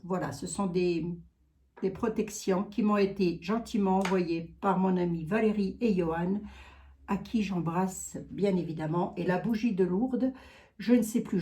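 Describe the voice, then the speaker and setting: Woman, Lorraine accent, low pitch, mellow tone, chatty folksy psychic talking to viewers. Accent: Lorraine French. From Lorraine, eastern France. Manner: chatty, folksy, peppers talk with "hein". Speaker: psychic card reader. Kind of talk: casual chat to viewers.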